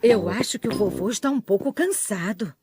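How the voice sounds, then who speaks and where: A woman voicing a kindly, doting grandmother pig in a children's cartoon dub, fond and expressive. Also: medium pitch, a little fast, natural voice. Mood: playful. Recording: loud music behind the voice.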